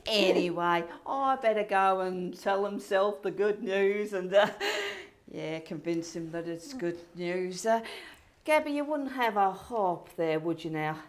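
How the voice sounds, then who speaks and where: A woman's voice: medium pitch, measured pace, lightly acted. A woman playing Saint Peter in a stage comedy as a chatty, bumbling recruiter for heaven. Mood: bustling. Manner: chatty, stammering, jovial. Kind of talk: stage comedy play acting.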